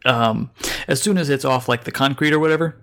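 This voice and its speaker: A man's voice: medium pitch, fairly quick, a bit bright, slight background noise. A man running a tabletop role-playing game as game master, talking casually with many hesitations.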